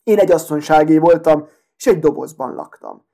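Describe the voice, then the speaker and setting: A man's voice: on the high side, gravelly, mellow. A man voicing a vain, haughty female sewing needle who talks in a proud, affected, self-important way. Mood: boastful.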